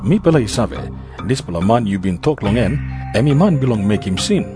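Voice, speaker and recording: A man's voice: lowish voice, very animated, a little fast, music in the background. A man with a Papua New Guinean accent playing a stern, suspicious Pharisee interrogator in a scripture drama. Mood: stern questioning.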